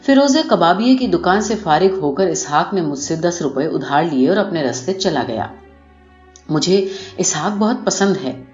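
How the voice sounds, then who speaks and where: Music plays in the background of this muffled, roomy recording, where a woman narrating an audiobook reads a short story with expressive, scripted delivery. Her voice is on the lowish side.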